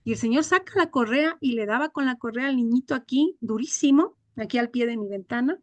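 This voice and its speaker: A woman's voice: on the high side, fairly quick, no echo. A woman teacher, giving an online class from home and telling a story in an earnest, indignant way.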